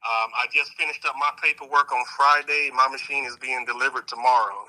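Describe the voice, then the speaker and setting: A man's voice: mid-range voice, steady tone, brisk, pushed and bright, low-quality recording. A middle-aged man from South Carolina calls in to a show, heard over a phone on speakerphone, talking in a friendly, hesitant way with many fillers. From South Carolina, USA. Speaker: caller. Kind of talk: casual call-in chat.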